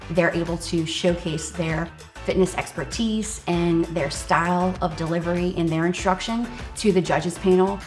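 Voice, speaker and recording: A woman narrates a fitness competition show in a matter-of-fact, explanatory voice-over. Her voice sits fairly low. Soft music plays under her. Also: fairly even intonation, moderate pace.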